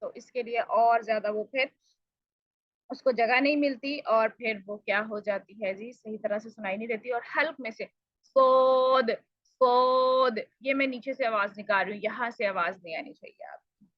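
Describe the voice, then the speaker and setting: A tajweed teacher with a slightly high voice patiently explains pronunciation, repeating each sound slowly so learners can copy it. She speaks to them politely. The recording is dry and a bit dull, with no room sound.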